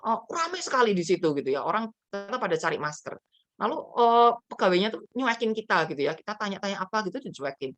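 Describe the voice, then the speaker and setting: Fast-talking woman pastor. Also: medium pitch, very animated, a bit bright. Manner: chatty storytelling with frequent fillers. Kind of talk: sermon to a student fellowship.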